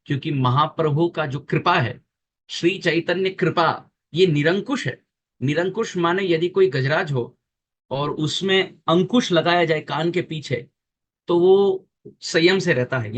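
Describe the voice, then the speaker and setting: A man preaching a devotional sermon in a fairly high voice. He explains with earnest, emphatic repetition and slows into drawn-out chanting when he recites verses. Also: a bit bright.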